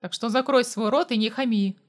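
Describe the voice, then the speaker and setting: A woman's voice: on the high side, brisk, close to an everyday voice. Woman voicing a blunt, menacing male mercenary. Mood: gruff.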